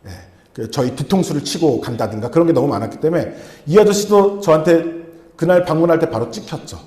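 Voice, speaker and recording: A man preaching a sermon as a missionary, telling a personal story in an animated way and acting out the dialogue. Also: mid-range voice, reverberant. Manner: animated, acts out dialogue in changing voices. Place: church sanctuary.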